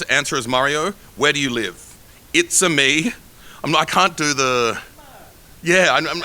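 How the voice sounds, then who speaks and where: A man's voice: a little high, pushed and bright. A man teaching a live coding workshop in a casual, joking way with rambling asides. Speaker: workshop instructor.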